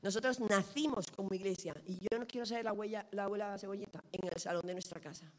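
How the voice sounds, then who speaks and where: A middle-aged woman preaching a sermon. She tells stories with lively quoted dialogue. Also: medium pitch, quick pace.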